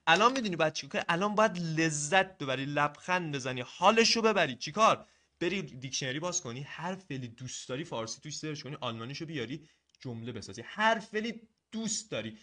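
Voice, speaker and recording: Young male language teacher, casual and energetic, coaxes the viewer; bright, somewhat high voice. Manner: energetic, coaxing, talks straight to the learner. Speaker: German teacher. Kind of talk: casual video language lesson.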